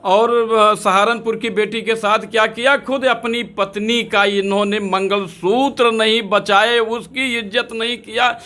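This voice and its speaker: A senior advocate man, answering a street interview with indignant, rapid-fire accusations. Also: high-pitched, fairly even intonation, pushed and bright. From Uttar Pradesh.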